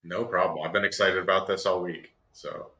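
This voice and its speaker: A man's voice: sits low, steady tone, fairly quick, bright, forceful tone. A man giving conversational, explanatory interview answers as a podcast guest, in long structured stretches. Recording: roomy, echoey sound.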